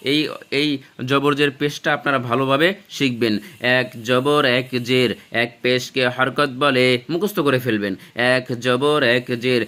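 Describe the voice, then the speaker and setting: Bright, clear-voiced male Quran teacher. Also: medium pitch. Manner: repeats each letter sound several times; chants Arabic prayers slowly. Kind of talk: slow, drilled pronunciation lesson.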